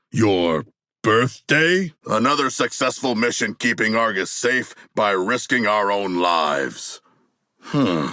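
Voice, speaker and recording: A male actor voicing a huge, proud, earnest shark warrior in a video game, with a gravelly, husky voice and formal, grandiose diction. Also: lowish voice, bright, forceful tone, no echo, studio quality. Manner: grandiose, stilted formal diction, measured and deliberate. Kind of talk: video game character voice lines.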